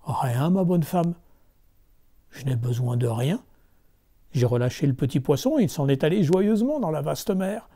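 A man voicing a patient, humble old fisherman in a storybook reading, speaking gently. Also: fairly high pitch, animated, normal speed, pauses often.

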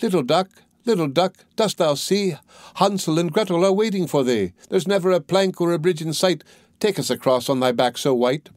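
A brave, earnest young girl pleads and plans in a high, lifted voice, as a male narrator puts her on. The reading is close and dry. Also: moderate pace, darkish tone, dry recording, natural voice. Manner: pleading, earnest storybook child voice. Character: young girl, frightened but clever and brave.

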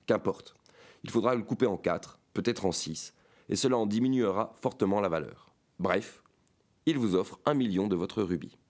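A man reading aloud and voicing a nervous, scheming male gem broker who presses a hurried bargain. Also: on the low side, a little mellow, close to an everyday voice.

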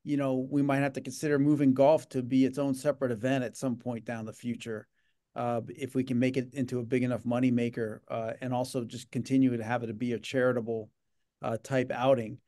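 Speaking over a video-call webcam from a home office, this middle-aged gaming association leader gives a casual interview. His mid-range voice has a dark tone and a flat, brisk delivery, and his answers ramble, full of fillers and repeated words.

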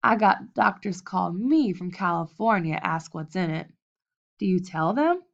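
Woman voicing a gruff toothless old cutman. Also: fairly low pitch, expressive, a little slow, dull audio. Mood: sly. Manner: gruff, blunt, clipped street grammar. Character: wiry old male boxing cutman, toothless, gruff and sharp.

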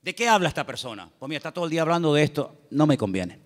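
A man's voice: a little high, very animated, very fast. A man with a Canarian accent preaching a sermon in a church, emphatic and repetitive with humorous asides. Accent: Canarian Spanish. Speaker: pastor. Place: church sanctuary. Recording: long reverb of a church hall.

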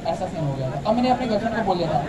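A young man telling an animated stand-up comedy story, acting out his family members. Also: high voice, racing. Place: large tented college hall with a seated crowd. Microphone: handheld mic, filmed from far back in the audience. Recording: distant echoey hall with crowd noise. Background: audience laughter and chatter.

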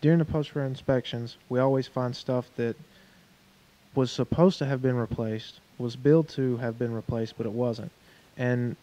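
A man on a car-repair panel, speaking in a measured, explanatory way with fillers and restarts, on a handheld mic in a showroom. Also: medium pitch, mellow, low-quality recording. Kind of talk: panel discussion.

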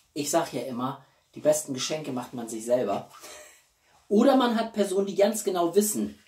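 This YouTube host's voice sits at a fairly high pitch with a darkish tone. He talks casually and expressively to camera in a small living room at home, where a far-off mic picks up plenty of room echo.

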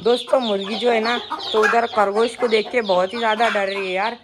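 A pet vlogger with a high-pitched, steady voice chats a little fast to viewers beside his poultry pens, addressing them as friends. Now and then he calls out to his birds, coaxing and scolding them loudly, over a noisy background of clucking hens and other birds.

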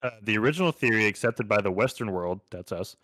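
Relaxed podcast guy, dry close mic. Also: lowish voice, fast, no echo. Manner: laughing, joking, acts out silly quoted voices. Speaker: podcast co-host. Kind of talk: casual chat.

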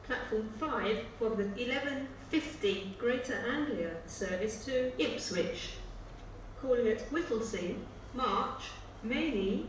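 Slow, echoey woman's train station announcement. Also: on the high side, slight background noise. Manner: formal, segmented announcement delivery. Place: train station, over public address speakers. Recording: echoey distant station tannoy with loud ambience.

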